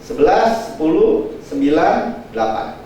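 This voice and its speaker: A man preaching in a storytelling style, acting out the dialogue with lively energy. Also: fairly high pitch, a little slow, a little hiss or hum. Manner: lively, animated retelling with acted-out dialogue. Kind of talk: storytelling sermon. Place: church hall. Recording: echoey hall, mic far off.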